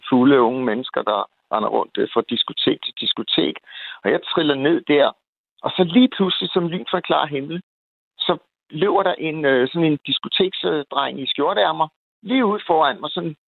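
Gravelly man on a phone line. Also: on the high side, dry recording. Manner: animated, swearing storyteller, gets loud when retelling shouting. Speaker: caller. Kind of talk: phone-in storytelling.

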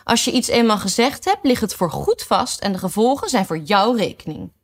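A woman's voice: medium pitch, lively intonation, normal speed, voice pushed up, natural voice. A woman reading aloud who voices an imperious, lecturing queen in a storybook, with clipped questioning. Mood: stern. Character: stern, bossy Red Queen quizzing a girl.

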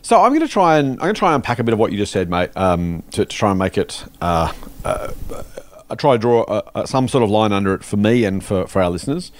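A man's voice: lowish voice, sing-song, fast talker. A man co-hosting a casual podcast chat, talking bluntly and jokingly. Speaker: podcast co-host.

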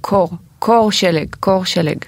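A woman guest on a podcast, answering slowly and hesitantly as she searches for words. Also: medium pitch, slight background noise. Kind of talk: casual chat.

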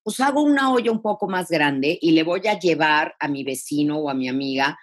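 A woman thanatologist with a Mexican accent giving advice in a podcast interview, expressive and full of rhetorical questions. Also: low-pitched, a little fast. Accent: Mexican Spanish. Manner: expressive, acts out quoted phrases, rhetorical questions. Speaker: thanatologist guest.

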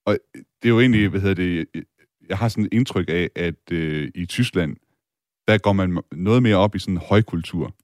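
Deep-voiced male podcast host. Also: a little mellow, dry recording, studio quality. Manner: curious, friendly questioning. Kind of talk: interviewing guests.

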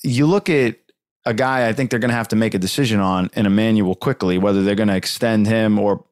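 A man's voice: fairly low pitch, fairly quick, no room sound, clean studio sound. A man hosting a casual sports talk show, rambling loosely with lots of fillers and restarts.

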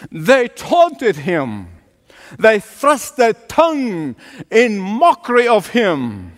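A man's voice: high-pitched, fairly bright tone, long reverb tail. A man preaching a sermon as pastor, emphatic and driving home points through repetition. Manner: emphatic preaching with repeated phrases.

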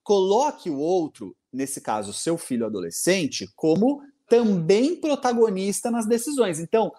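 A man, co-hosting a podcast and giving parenting advice in a casual, animated way, often acting out the voices in his stories. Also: high voice, unhurried. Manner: animated, acts out quoted voices in anecdotes.

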